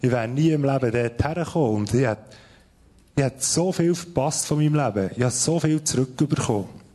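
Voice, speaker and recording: A man with a Swiss German accent giving an earnest, conversational sermon, slowing down to read scripture aloud. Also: mid-range voice, expressive, dark tone. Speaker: preacher. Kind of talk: sermon with Bible reading.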